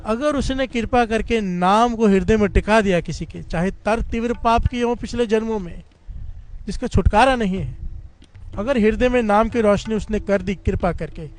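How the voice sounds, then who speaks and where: Speaking at a moderate pace in a high voice, a Sikh preacher recounts a story during his katha. His devotional sermon is fervent and uses call-and-response, and he regularly leads the congregation in saying "dhan guru nanak."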